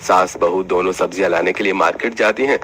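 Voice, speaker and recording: A man narrating an animated family story in steady scripted storytelling. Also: low-pitched, a little fast, breathy edge.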